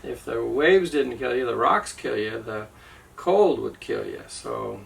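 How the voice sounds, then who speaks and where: A man's voice: medium pitch, expressive, measured pace, vocal fry. A man telling a travel story in a casual, rambling way, joking now and then. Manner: jokey, rambling storyteller with many fillers. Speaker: travel vlogger. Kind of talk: casual chat. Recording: distant mic with faint ambient noise.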